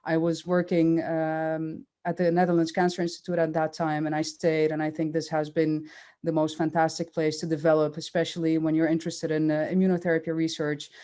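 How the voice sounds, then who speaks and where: A woman who grew up in Curaçao, speaking as an oncologist guest in a podcast interview, measured and thoughtful with many fillers. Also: low voice, completely flat delivery, warm tone.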